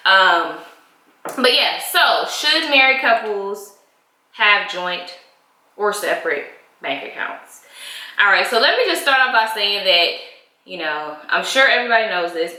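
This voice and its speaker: A woman's voice: medium pitch, pushed and bright. A woman co-hosting a casual chat vlog, talking loosely with frequent ums. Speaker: co-host of a married-couple channel. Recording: roomy echo.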